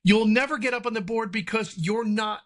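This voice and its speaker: A New Jersey man appears as a podcast guest in a candid conversational interview, rambling loosely and swearing freely. His high voice has a fairly bright tone at a normal speed.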